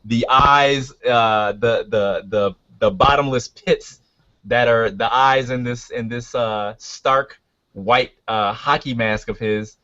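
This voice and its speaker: A man with a mid-pitched voice referees a tabletop game in a casual, halting way, often thinking aloud. The recording is slightly muffled and lo-fi. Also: sharp tone. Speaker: game master. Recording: dull, lo-fi sound.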